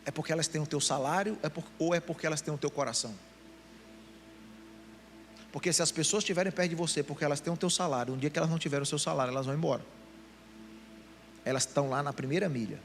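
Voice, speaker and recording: Animated Brazilian preacher man. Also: on the high side, fast talker, pauses often, soft background music. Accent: Brazilian Portuguese. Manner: animated preaching, acting out quoted voices. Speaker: pastor. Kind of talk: sermon. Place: church meeting.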